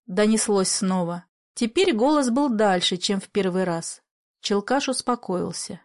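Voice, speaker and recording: Woman reading a classic story aloud. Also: medium pitch. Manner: measured, expressive storytelling. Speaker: narrator.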